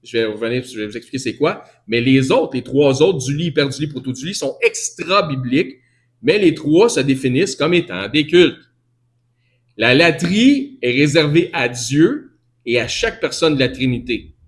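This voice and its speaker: A preacher with a Québécois accent gives a conversational teaching sermon, often restarting and correcting himself and answering questions from the congregation. His voice is medium in pitch, with lively intonation and normal speed.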